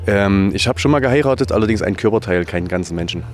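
A man answering interview questions outdoors at a festival, relaxed and dryly humorous, with many hesitations. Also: lowish voice, fast. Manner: relaxed, dry humor, filler "ähm".

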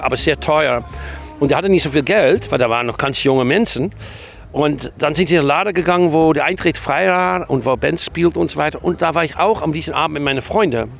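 With a Dutch accent, a man from the Netherlands chats outdoors at a festival he has long attended, telling a story in a casual interview. His voice is a little high with vocal fry, and he frequently closes sentences with tag questions.

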